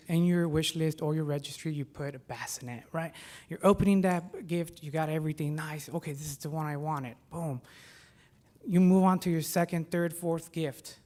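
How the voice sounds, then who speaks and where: A man giving a live startup pitch as an entrepreneur, with a nervous, halting delivery that often stumbles. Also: a little mellow. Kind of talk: live pitch competition presentation.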